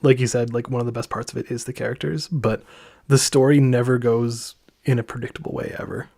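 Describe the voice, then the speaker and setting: A man's voice: mid-range voice, fairly even intonation, fairly quick, vocal fry, darkish tone, breathy edge. A man co-hosting a gaming podcast, chiming in casually with stammered starts. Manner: brief interjections, stammered starts. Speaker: podcast co-host.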